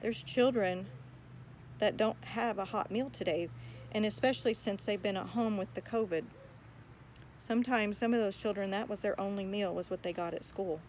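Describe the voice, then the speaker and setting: A woman's voice: medium pitch, moderate pace, a little mellow. Woman, earnest spoken encouragement on prayer, exhorting, repeats words, faint background noise. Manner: earnest and exhortative, repeats words while finding her thoughts.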